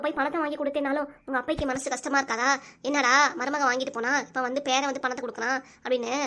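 A woman voicing a middle-aged aunt and mother in a cartoon, speaking with a Tirunelveli Tamil accent and nagging quickly. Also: high-pitched, little pitch movement, pushed and bright. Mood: pleading. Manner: pleading then scolding, rapid.

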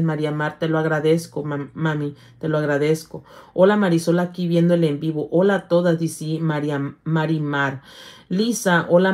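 A middle-aged woman, hosting a casual livestream, reading viewer comments aloud and calling her viewers "hija" in an affectionate, halting manner. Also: on the low side, darkish tone. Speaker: livestream host.

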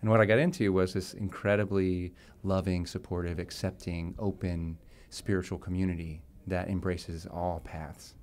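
A man's voice: low voice, level tone, moderate pace, hardly any pauses, a little mellow. A man being interviewed before his show, chatty and self-deprecating, laughing often and at times getting choked up. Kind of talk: candid pre-show interview. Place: club venue before a show.

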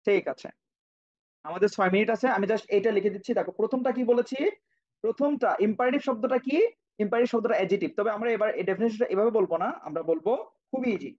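Through a cheap computer microphone producing dull, lo-fi sound, a man from Bangladesh patiently teaches children English grammar online, repeating himself, spelling words, and checking on each student by name. His voice sits high and a little mellow, and he talks quickly.

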